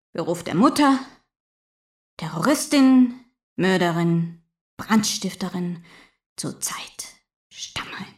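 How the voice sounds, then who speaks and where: A bitter young militant locked in a cell, acted by a woman delivers a theatrical stage monologue. The voice sits fairly high and moves slowly, dropping to hushed whispers and then breaking into shouted outbursts. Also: exaggerated voice. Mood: numb, brooding.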